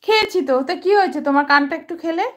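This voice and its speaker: A woman's voice: extremely high pitch, racing, background noise. A woman talking playfully to her pet dog, coaxing it with short repeated commands. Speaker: dog owner.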